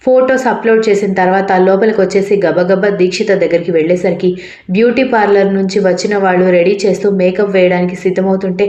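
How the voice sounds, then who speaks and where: A woman reading a romance story aloud in a steady narrating manner. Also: mid-range voice, fast, roomy sound.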